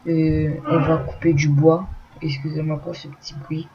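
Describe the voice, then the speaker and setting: A man narrating a let's play in a soft voice, swearing when startled, on a dull lo-fi recording with faint noise. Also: a little high, level tone, crowd noise. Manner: talks softly and slowly, swears when startled. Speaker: gameplay commentator.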